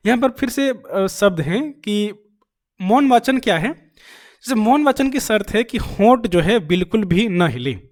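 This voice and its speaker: A man teaching an exam-prep lesson, explaining by asking and answering his own questions, repeating key phrases, with pauses and fillers. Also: sits high. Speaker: Hindi teaching-methods teacher.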